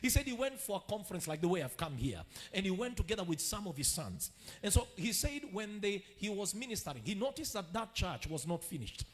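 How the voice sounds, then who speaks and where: High, lively Kenyan preacher. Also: male voice, brisk. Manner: swings from quiet teaching to shouted declarations, calls for amen. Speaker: pastor. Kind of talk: sermon.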